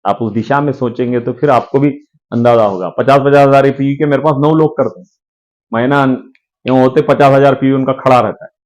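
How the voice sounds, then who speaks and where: A man's voice: a little fast, dull audio. A man leads a business training session, talking animatedly, calling his listeners sir and acting out little dialogues. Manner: animated, swings pitch, acts out quoted dialogue.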